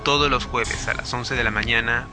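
A man's voice: mid-range voice, fairly even intonation, moderate pace, over music. A man reading a horror show radio promo in an ominous way. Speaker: promo announcer.

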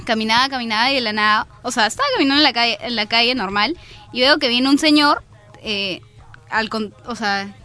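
A woman's voice: on the high side, brisk, bright, forceful tone. A young woman with a Peruvian accent chatting casually in a group, telling anecdotes with lots of fillers. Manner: chatty storyteller, many fillers like "tipo" and "o sea".

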